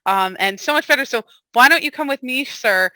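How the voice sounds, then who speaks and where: Bright-voiced chatty young woman. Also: sits high, brisk, no room sound, low-quality recording. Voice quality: lively, chatty, many fillers. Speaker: player. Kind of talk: tabletop role-play, casual chat.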